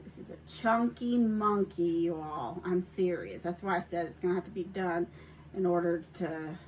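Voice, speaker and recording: A woman with a Southern accent, her voice lowish and darkish at a normal speed, casually shows off a handmade journal in her home craft room for a vlog. She rambles, restarts, and giggles a little. The phone recording is muffled with slight hiss or hum.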